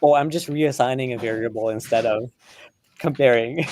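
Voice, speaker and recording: On a live coding stream, a co-host who is not a native English speaker talks at normal speed in a medium-pitched, darkish voice, with slight hiss or hum audible. He's chatty, laughs frequently, and keeps restarting sentences and using fillers.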